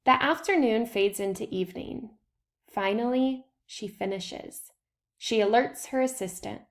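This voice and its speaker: Woman reading a storybook, gravelly creak. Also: a little high, a little slow. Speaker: read-aloud reader. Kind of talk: children's picture book read-aloud.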